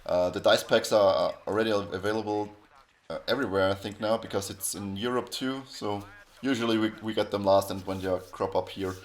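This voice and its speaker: Rambling low-voiced podcast host, man. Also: steady tone, a little fast. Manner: rambling, frequent restarts and self-corrections. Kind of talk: casual podcast chat.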